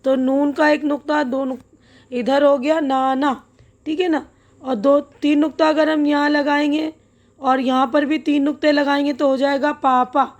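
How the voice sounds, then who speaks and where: High-voiced woman teaching slowly. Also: flat delivery. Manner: patient, spells words out slowly letter by letter; checks in often with the listener. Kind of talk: step-by-step classroom lesson.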